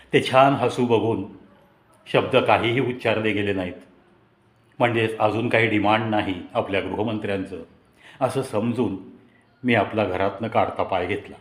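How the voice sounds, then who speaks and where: A man narrating a personal story in a conversational, reflective way with dramatic pauses. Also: on the low side. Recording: echoey room.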